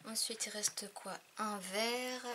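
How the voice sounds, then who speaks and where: A woman's voice: mid-range voice, fairly even intonation, slow pace, background noise. A woman vlogger chatting casually through a craft haul, hesitant with many fillers and fumbling English product names. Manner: hesitant, many fillers, thinking aloud while testing. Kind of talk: casual haul video, showing craft inks.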